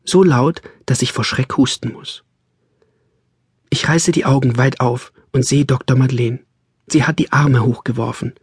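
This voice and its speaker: A man narrating a novel in a calm, measured storytelling manner, close on a studio mic. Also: mid-range voice, breathy edge, no echo. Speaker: audiobook narrator. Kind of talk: scripted narration.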